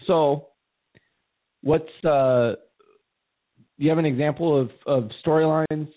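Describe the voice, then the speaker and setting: A man's voice: a little high, steady tone, slow pace. A man co-hosting a casual conversation, thinking aloud and often repeating his words as he goes. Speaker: co-host. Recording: tinny phone-like audio.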